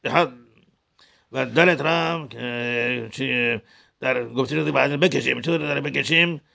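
A man teaching the correct pronunciation of a Hebrew prayer, talking haltingly and repeating words to model each sound. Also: medium pitch, vocal fry, pushed and bright. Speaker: religious teacher.

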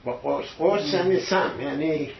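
Man, fairly high voice, preaching a sermon, rhetorical questions, echoey dull lo-fi recording. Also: vocal fry, a little hiss or hum. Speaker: religious teacher.

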